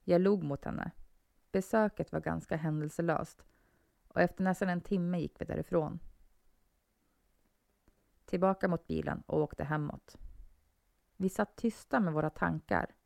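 A woman narrating a first-person horror story in a calm, measured reading voice. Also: fairly low pitch, gravelly, no echo, clean studio sound.

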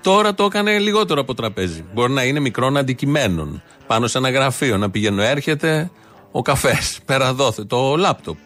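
A man's voice: medium pitch, lively intonation, a bit bright, soft background music. A man hosting a commentary show, mocking and ironic as he remarks on news clips. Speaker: radio show host.

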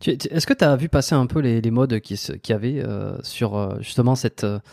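A male interviewer with a mellow, warm tone asks long, winding questions. He hesitates and searches for his words, recorded close and dry with no room sound. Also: medium pitch, normal speed, gravelly, dry recording. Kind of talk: casual interview.

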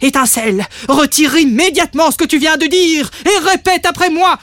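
A woman's voice: a little high, takes it slowly, no room sound. A woman voicing a proud, stern male father dragon who speaks in a solemn, commanding way, in a storybook reading. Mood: furious.

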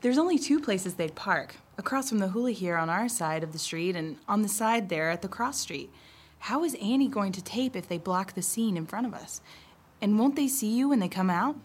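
A woman's voice: medium pitch, expressive, moderate pace, husky. A woman playing a worried sidekick on a stakeout in a sitcom radio play, asking hesitant questions.

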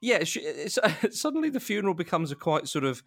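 A man's voice: sits high, sing-song, fairly quick, creaky, dry recording, clean studio sound. Exasperated man telling a story. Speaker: podcast co-host. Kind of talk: casual chat.

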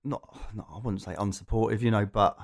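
A man's voice: fairly low pitch, steady tone, a little fast, a crowd in the background. A man with an Essex accent telling anecdotes in a casual chat, in a rambling, jokey way. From Essex, England. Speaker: podcast guest.

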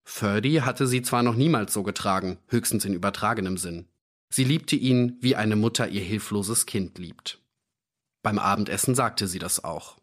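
Male audiobook narrator, measured. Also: lowish voice. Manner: measured storytelling with voiced characters.

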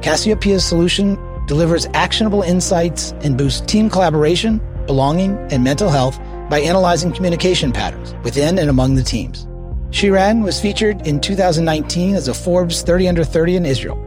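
A man's voice: on the high side, fairly quick, music in the background. A man hosting a podcast, reading a polished scripted intro and then asking curious interview questions. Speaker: podcast host.

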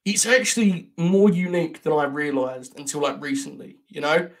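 A man's voice: on the high side, moderate pace. A British man, a podcast guest, chatting casually in a rambling, self-deprecating way. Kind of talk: casual chat.

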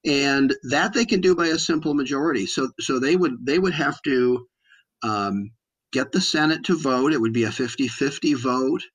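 American male expert guest, medium pitch, emphatic and halting political explainer. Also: fairly bright tone, breathy edge, rough recording.

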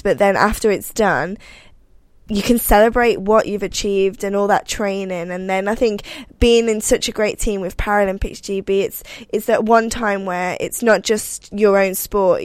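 A woman's voice: mid-range voice, clear, resonant tone, no echo. A woman with a Birmingham accent, a guest on a casual podcast chat, bubbly and giggly. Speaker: guest athlete.

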